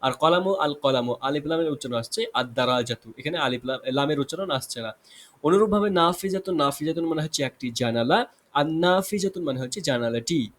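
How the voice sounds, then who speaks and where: A man with a Bangladeshi Bengali accent teaches an Arabic lesson in a fairly high voice for a man. He explains step by step, repeating words and correcting himself as he goes.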